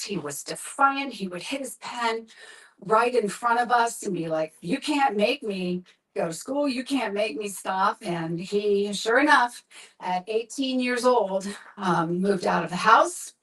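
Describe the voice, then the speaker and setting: A middle-aged woman from the United States delivers an earnest personal testimony at an event. Her voice sits a touch high and she leans into emphasis as she tells the story. The mic catches her from a little way off. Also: a bit bright. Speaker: speaker at an event. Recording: distant from the mic.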